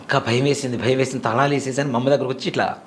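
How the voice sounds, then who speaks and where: Fast-talking man in his forties. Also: mid-range voice. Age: 40s. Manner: vivid, animated retelling that acts out quoted voices. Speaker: interview guest recounting a temple experience. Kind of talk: conversational storytelling.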